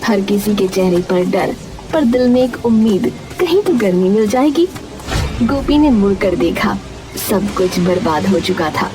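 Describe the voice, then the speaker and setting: A woman's voice: medium pitch, expressive, unhurried, over music, low-quality recording. A woman reading scripted narration for a moral story.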